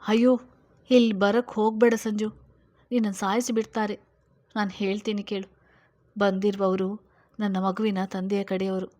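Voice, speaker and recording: A desperate young mother sobs out her fears , voiced by a woman narrator. Her lines come louder and a touch higher than the narration, yet the pitch stays within a narrow band. It sounds like a dramatized audio story. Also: flat delivery, normal speed, long pauses, natural voice. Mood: terrified. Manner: sobbing, pleading.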